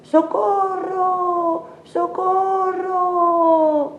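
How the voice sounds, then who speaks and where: Woman doing a high, wide-eyed little girl. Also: very animated, slow pace, roomy sound, lo-fi sound. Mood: frightened.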